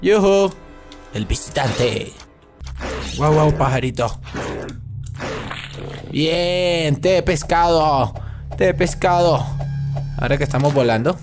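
A man hosting a gaming channel, giving excitable let's-play commentary and chattering to the game's creatures as the hungry monster he plays. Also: a little high, slow, long pauses. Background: game music.

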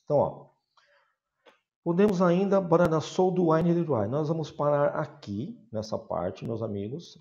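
A man from Brazil teaching an English grammar lesson to his class, patiently repeating key words and checking in with his students after each point. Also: warm tone. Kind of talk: online class explaining grammar. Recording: dull low-fidelity sound.

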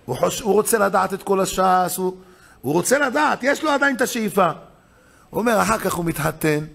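A man teaching a Torah lesson as a rabbi, with a high voice and a gravelly rasp at its edges. He tells stories with animated delivery, climbing loud and eager at the key points and sinking low and quiet between them. He acts out the voices of the people in his stories as he goes. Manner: swings between loud excited emphasis and low hushed asides.

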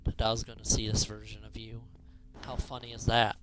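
A man's voice: lowish voice, completely flat delivery, fast talker, a bit bright, natural voice. A man playing a puzzled, wry time-travelling doctor in an improvised, casual game role-play. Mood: wry, curious.

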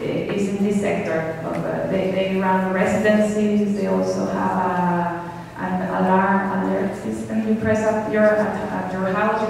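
A woman in her thirties giving a keynote talk and answering questions, speaking slowly and searching for words, with a handheld microphone in a large meeting room. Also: medium pitch, vocal fry, darkish tone, a little hiss or hum. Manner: slow, hesitant, searching for words. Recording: echoey hall from far off.

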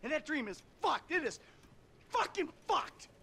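A jaded middle-aged ex-robber, sour and sarcastic, spitting curses. His voice swings widely in pitch as he rants. It comes from a video game cutscene. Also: very animated, a little slow, vocal fry, bright, forceful tone, heavily acted. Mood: bitter. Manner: bitter, sarcastic and swearing.

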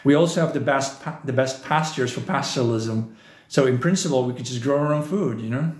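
A man talks loosely on his live stream, answering viewer comments in a rambling, opinionated way. His voice sits at an ordinary middle pitch. The room around him is echoey. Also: fairly quick. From southern Netherlands. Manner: rambling, opinionated, many "you know" fillers.

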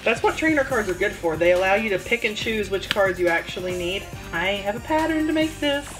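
A woman chatting casually as she opens trading card packs, excitable and quick to gasp at good pulls. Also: medium pitch, over music. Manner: excitable, gasps and squeals at pulls. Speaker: card-opening vlogger. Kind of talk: casual pack-opening chat.

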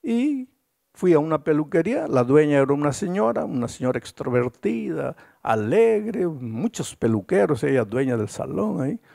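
Animated, gravelly male preacher. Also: normal speed. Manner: animated storytelling, swooping pitch, rhetorical questions. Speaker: pastor. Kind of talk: storytelling sermon.

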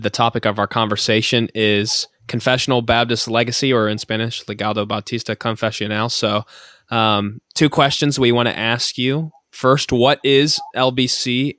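A man hosting a podcast interview, speaking in a measured, polite way. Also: mid-range voice, fairly even intonation, fairly bright tone, dry recording, studio quality. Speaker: podcast host.

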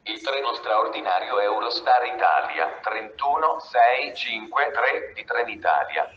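A man making a flat, formal station announcement in a scripted, segmented delivery. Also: lowish voice. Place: over a railway station PA. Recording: echoey, dull, noisy station loudspeaker.

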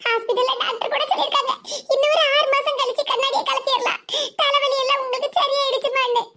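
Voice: very high-pitched, level tone, fast, very noisy. A performer voicing a meek young daughter-in-law in a cartoon, pleading in a Tirunelveli Tamil accent with nervous laughs. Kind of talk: cartoon voice acting.

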